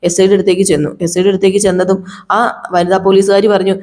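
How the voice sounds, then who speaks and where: A woman retells a TV serial in a chatty, conversational way, as if telling a friend the latest episode. Her storytelling is relaxed and informal. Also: medium pitch, quick pace. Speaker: serial reviewer and narrator.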